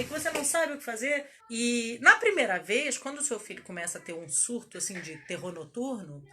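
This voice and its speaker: A woman, a mother, chatting casually to camera in a parenting vlog, animated and repeating words for emphasis. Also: on the high side, a little hiss or hum. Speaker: mother vlogger.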